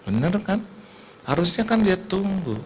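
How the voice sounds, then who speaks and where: A man's voice: high-pitched, sing-song, a little slow, a little hiss or hum, voice pushed up. A man voicing a sly devil who goads a husband in a mocking, insinuating tone. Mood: taunting.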